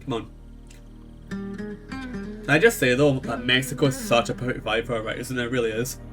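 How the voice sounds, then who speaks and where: A gaming YouTuber from Scotland with a thick Scottish accent chats casually through a let's play in a medium-pitched voice at normal speed, rambling with lots of fillers. His home mic is slightly echoey, and faint game music plays behind him.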